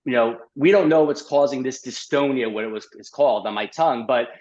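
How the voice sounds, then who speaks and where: A middle-aged man, a doctor as guest, telling his story in a lively podcast interview, full of fillers and "like". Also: medium pitch, a little fast, dull audio. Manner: animated, uses many fillers and "like".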